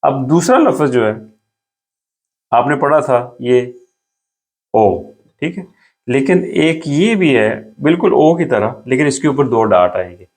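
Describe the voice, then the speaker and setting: He teaches beginners a language in an expressive, mid-range voice that's a little mellow. Step by step and with patience, he slowly repeats each sound while writing.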